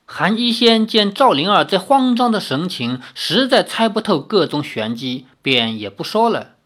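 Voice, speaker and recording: A reader narrating a novel in an expressive storytelling manner. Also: mid-range voice, moderate pace. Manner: expressive, shifting voices for dialogue.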